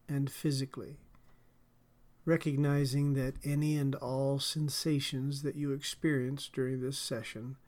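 A man leading a guided relaxation as a podcast host, soothing and deliberate in his measured phrasing. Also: mid-range voice, a little mellow.

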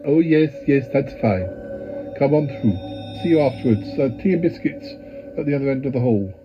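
A man playing a polite, fussy, reassuring caretaker in an audio drama, halting and often repeating himself. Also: medium pitch, lively intonation, close to an everyday voice. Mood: gentle, reassuring. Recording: muffled sound with prominent music. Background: music.

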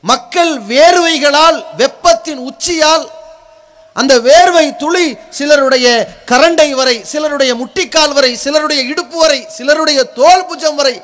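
Man preaching like a thundering orator, really high pitched, slow deliberate pace, forceful short phrases. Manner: forceful, declamatory, rhetorical build-up in short phrases.

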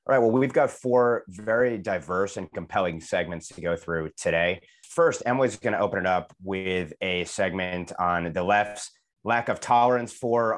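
A man hosting a podcast, giving a brisk, upbeat scripted opening to the episode. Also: low-pitched. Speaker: podcast host. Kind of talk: show introduction.

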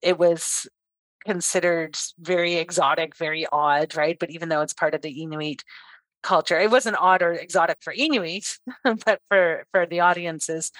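A middle-aged woman from Canada, a throat singer chatting as a guest in an interview, lively and quick to laugh. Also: fairly low pitch, no echo. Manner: lively storyteller, laughs often. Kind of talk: casual interview chat.

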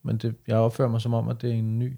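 A man's voice: medium pitch, monotone, creaky, mellow. A man chatting casually on a podcast in short, colloquial remarks. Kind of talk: casual chat.

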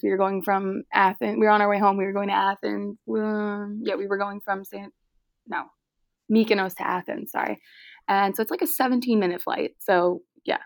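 A woman's voice: medium pitch, no room sound. A young woman chats on a podcast, telling a story with loads of fillers and playing out what everyone said. Her voice sits mid-height. The sound is dry and close to the mic. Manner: chatty, animated, lots of "like", acts out quoted voices. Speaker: podcast co-host. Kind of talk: casual chat, storytelling.

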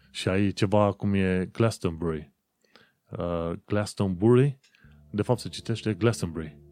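Male podcast host, very low voice, casual solo talk, demonstrates pronunciation by repetition, faint music under. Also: a little mellow. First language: Romanian. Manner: explains, repeats words to demonstrate pronunciation.

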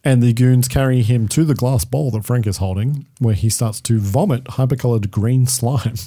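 A man's voice: medium pitch, normal speed, dark tone. A man co-hosting a podcast, recapping a film in casual chat with dry jokes and frequent chuckles. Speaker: podcast co-host. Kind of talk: casual movie-review chat.

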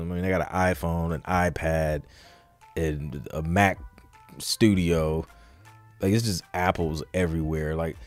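In a dry, echo-free recording, a low-pitched man hosts a podcast Q&A, reading out questions and answering them casually. His replies meander as he thinks aloud, leaning heavily on filler like "like" and "you know."

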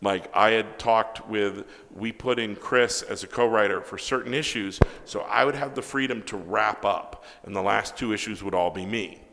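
A man, a comic book writer, telling casual anecdotes in an interview, animated, acting out quoted dialogue and swearing freely. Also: on the low side, normal speed, gravelly, hardly any pauses, long reverb tail, a little hiss or hum.

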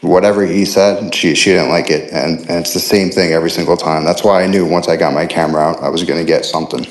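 Man through a deep voice disguiser. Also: steady tone, fast, reverberant, low-quality recording. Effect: voice disguise filter making the voice deep. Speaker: caller, anonymous insider source. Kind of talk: casual call-in account. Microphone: online audio call.

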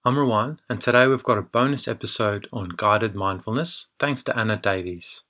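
A man hosts a podcast, reading a scripted introduction. His voice sits on the low side and has a bright, forward edge. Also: moderate pace. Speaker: podcast host.

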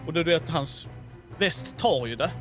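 A man's voice: on the high side, over music. En man som berättar som spelledare i ett rollspel, livligt och vardagligt med mycket utfyllnadsord. Rösten är ganska ljus för en man, och svag musik hörs i bakgrunden. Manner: animated, many fillers. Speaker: game master. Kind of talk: casual role-play narration.

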